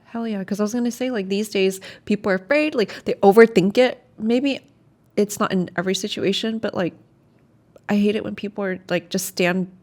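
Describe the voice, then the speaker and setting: A woman co-host in a casual chat, supportive and quick with short reactions. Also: medium pitch, a little mellow.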